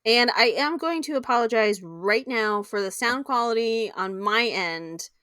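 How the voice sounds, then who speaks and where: A woman's voice: on the high side, a little slow, clear, resonant tone, no room sound, clean studio sound. Bubbly woman with a tinny mic sound. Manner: bubbly, gasps when excited. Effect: tinny, like talking through a tin can. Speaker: podcast co-host. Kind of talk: casual podcast chat. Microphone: makeshift backup microphone.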